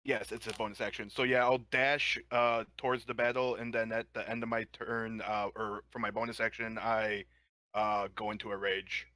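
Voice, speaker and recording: A man's voice: lowish voice, flat delivery, moderate pace, bright, forceful tone, dry recording. A man playing a tabletop game, thinking aloud through his turn with fillers. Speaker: player. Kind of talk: casual tabletop play.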